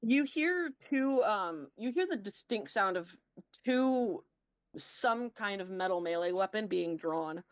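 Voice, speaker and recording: A woman's voice: medium pitch, expressive, takes it slowly, no echo, lo-fi sound. A woman game master narrates a tabletop role-playing game. She takes her time, speaks informally with some swearing, and sounds close and dry.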